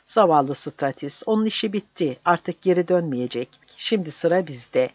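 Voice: medium pitch, animated, moderate pace, dry recording, lightly acted. A narrator voicing a mocking prisoner. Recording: dull dry recording.

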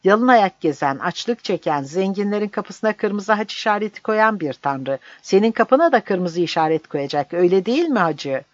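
A reader voicing a grieving village barber who shouts his words into an old man's ear. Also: mid-range voice, expressive, normal speed, few pauses, dry recording, muffled recording, voice pushed up, natural voice. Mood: shouting. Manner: loud, pleading, shouting into an ear.

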